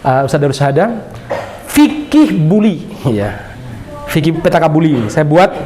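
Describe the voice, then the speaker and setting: A middle-aged man from Bima, giving a religious lecture in a lively, humorous storytelling manner. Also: fairly high pitch, unhurried, slight background noise. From Bima, Indonesia. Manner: lively and humorous, often laughing and acting out dialogue. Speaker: preacher.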